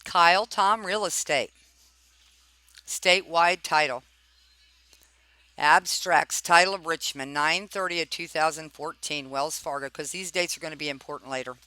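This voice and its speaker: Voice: medium pitch, normal speed, sharp tone, no room sound, low-quality recording. A person giving informal commentary while reading documents aloud, pointed and questioning, often tagging remarks with check-in questions. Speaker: narrator reviewing property records.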